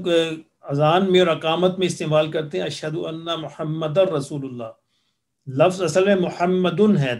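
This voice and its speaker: Patient male Quran teacher, slightly high voice. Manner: patient, explanatory, repeats and drills word forms slowly. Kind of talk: classroom lecture on Arabic grammar.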